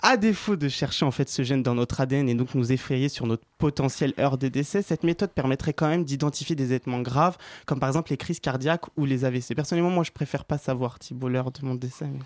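A man's voice: mid-range voice, quick pace, hardly any pauses, no echo. A man giving a playful health column on the radio, chatty and joking, laughing often in a studio. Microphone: studio microphone.

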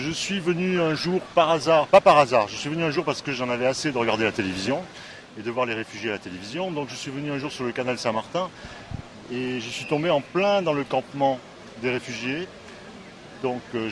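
Guy telling his story outdoors, halting and earnest, street noise and traffic behind. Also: mid-range voice. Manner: earnest, hesitant, many restarts. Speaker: volunteer French teacher. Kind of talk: personal testimony. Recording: noisy street recording.

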